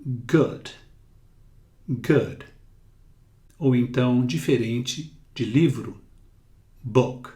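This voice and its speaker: Brazilian man, middle-pitched, slow deliberate tutor, roomy echo. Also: darkish tone. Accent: Brazilian Portuguese. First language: Portuguese. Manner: slow, deliberate, repeating words for drilling. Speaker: English teacher. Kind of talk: slow pronunciation lesson.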